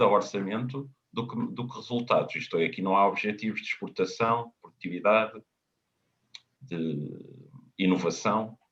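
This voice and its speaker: Man, deep low voice, European Portuguese accent, consultant, halting explanations, dull video-call audio. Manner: halting, repeats words, explanatory. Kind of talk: webinar answers.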